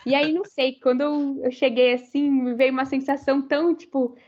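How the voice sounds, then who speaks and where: This high-pitched young woman from Brazil speaks fairly quickly with fairly even intonation and a slightly mellow tone, her Brazilian Portuguese accent clear. She's a university student guesting on a podcast, and her casual interview chat is packed with fillers and restarts that ramble. The recording sounds a little muffled.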